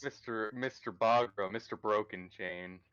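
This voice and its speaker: Smooth, lowish-voiced man playing tabletop games. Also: unhurried, fairly bright tone, no echo, muffled recording. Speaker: tabletop game player. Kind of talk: casual role-play chat.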